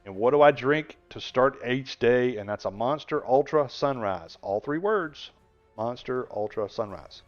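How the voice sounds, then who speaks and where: With faint music behind him, a man in his sixties casually chats on a gaming live stream, rambling and often laughing as he answers viewers. His mid-range voice has lively intonation and runs a little slow. The lo-fi stream audio is dull, with no echo.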